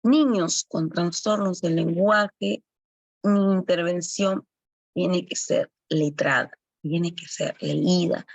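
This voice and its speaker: Taking it slowly, a woman with a lowish, steady, creaky voice lectures early-education assistants online. She explains things step by step and frequently corrects herself; the audio is dull, with no room sound.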